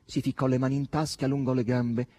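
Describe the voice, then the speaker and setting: Theatrical man narrating a novel, husky. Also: medium pitch, little pitch movement, quick pace, mellow. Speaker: audiobook reader. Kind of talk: literary audiobook narration.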